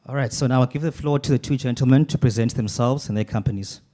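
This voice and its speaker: A man moderating a panel, giving a formal, measured introduction read from notes. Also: medium pitch, dark tone. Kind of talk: scripted event introduction.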